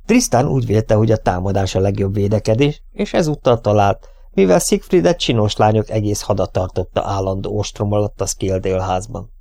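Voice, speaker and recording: A man narrating an audiobook in an even, measured storytelling way. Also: on the low side, creaky.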